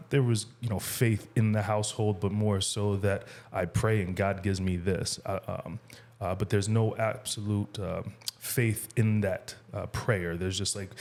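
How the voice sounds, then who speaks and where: Male podcast host with a very deep voice; casual, rambling interviewer. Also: a little mellow. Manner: rambling, many fillers and restarts.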